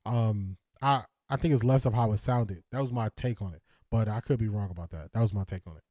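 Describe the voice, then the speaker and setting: This man, a sports talk show host, goes through viewer comments on a casual stream, speaking a little fast in a lowish, slightly mellow voice. Clean studio sound, no echo. Expect frequent restarts, fillers, laughs and general hesitancy.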